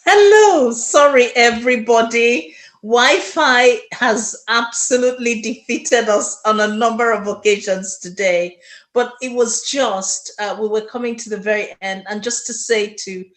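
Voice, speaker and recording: A woman's voice: mid-range voice, reverberant. A woman hosting an online interview over a video call, speaking effusively and addressing her audience directly. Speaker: host.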